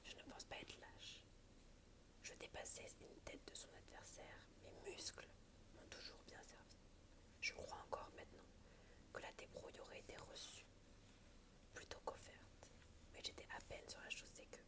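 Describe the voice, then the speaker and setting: A woman's voice: normal speed, long pauses. Whispering woman reading aloud, ASMR. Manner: soft library whisper, unvoiced. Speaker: ASMR reader.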